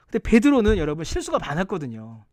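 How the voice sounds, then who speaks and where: A man with a high, very lively voice leads a Bible study as a pastor. He keeps asking the listeners questions and throws himself into the quoted lines. The sound is dry and close. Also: fast talker, no room sound.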